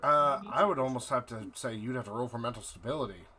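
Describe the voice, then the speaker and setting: A man narrating a horror tabletop game as game master, halting and dramatic, repeating phrases for effect. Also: medium pitch, pushed and bright.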